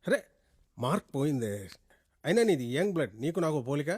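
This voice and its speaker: A chatty, teasing doctor who talks fast. His voice sits fairly high and jumps around a lot. The sound is close and dry. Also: animated, darkish tone, breathy edge, dry recording. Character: joking, friendly male doctor. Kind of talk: film acting.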